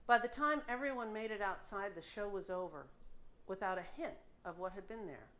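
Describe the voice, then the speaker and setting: Reading her own memoir aloud, a middle-aged woman with an American accent speaks fairly quickly in a medium, somewhat bright voice. She narrates the audiobook in a reflective, informal storytelling manner from her home kitchen, and there's a little hiss or hum in the recording.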